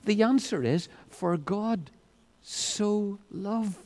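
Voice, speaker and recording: Guy preaching, slow, doubles up words, voice swings up and down a lot. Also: high voice, lively intonation. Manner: repeats words at phrase starts, rising to loud peaks. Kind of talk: evangelistic sermon.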